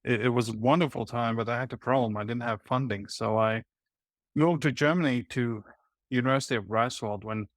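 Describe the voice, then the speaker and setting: Latvian guest historian, man in his forties, mid-pitched, dry close sound, thoughtful and halting. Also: no echo. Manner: thoughtful, halting with fillers and restarts. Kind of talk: interview answers.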